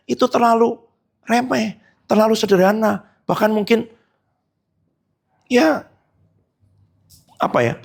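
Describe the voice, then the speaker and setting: A middle-aged male pastor giving a conversational sermon, telling stories and acting out the dialogue in them. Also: gravelly. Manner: storytelling, acts out quoted dialogue with big pitch swings.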